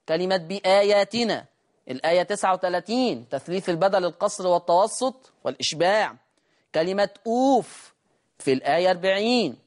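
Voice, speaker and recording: A man with an Egyptian Arabic accent teaching Quran recitation rules, asking himself questions and answering them, with slow, drawn-out demonstrations of the sounds. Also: high-pitched. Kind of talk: recitation lesson. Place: teaching room with a board.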